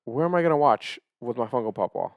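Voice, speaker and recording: A man co-hosting a podcast in casual chat, rambling and excitable, often trailing off and restarting. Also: mid-range voice, fast, creaky, no room sound, lo-fi sound. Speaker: podcast co-host.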